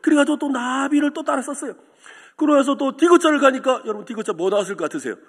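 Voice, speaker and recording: A man's voice: extremely high pitch, animated, fast, slightly rough. A man preaching a sermon as pastor, telling a story and asking the congregation questions. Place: church sanctuary. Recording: echoey church hall with long reverb.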